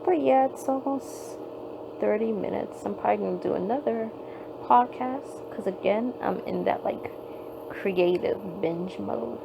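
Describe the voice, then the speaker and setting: A woman's voice: mid-range voice, unhurried, vocal fry, noisy background. A woman hosting a podcast, rambling casually with lots of fillers and swearing, recorded on her phone. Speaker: podcast host. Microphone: phone microphone.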